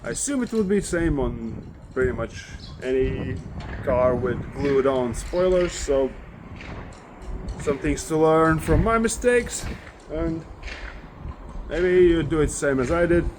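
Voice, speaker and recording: A man talking casually through a do-it-yourself car job. He is hesitant and self-deprecating and thinks aloud as he goes. The audio is a low-quality phone recording made without a microphone. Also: expressive, slow pace, pauses often. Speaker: car vlogger. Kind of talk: casual DIY walkthrough. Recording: echoey, noisy phone recording.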